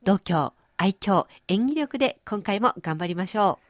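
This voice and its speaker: A woman's voice: medium pitch, lively intonation, unhurried, no room sound, studio quality. A woman hosting a language lesson, explaining pronunciation with playful everyday images. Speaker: language teacher and host. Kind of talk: radio-style language lesson.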